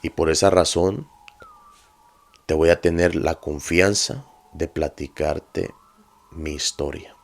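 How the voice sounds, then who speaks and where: A man's voice: extremely low pitch, fairly even intonation, takes it slowly, long pauses, full character voice. A man voicing a troubled young man. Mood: earnest. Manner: earnest and pleading.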